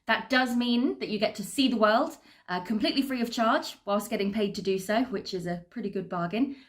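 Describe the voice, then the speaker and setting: A woman's voice: mid-range voice, brisk. An upbeat British woman speaks informally about her working life. She is chatty and articulate, like a cruise director at ease with talking to people. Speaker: assistant cruise director and entertainer. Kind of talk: informal career talk to camera.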